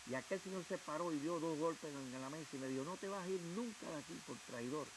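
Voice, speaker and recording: A man with a Cuban Spanish accent, a guest on a television interview, gives emotional personal testimony, acting out the officials he quotes. His voice is fairly high and fast, and the broadcast audio is hissy.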